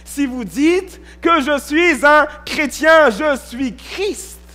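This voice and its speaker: Preaching a sermon in a church, a male pastor uses an extremely high pitch, stressing key words and drawing them out, and at moments he rises to a shout.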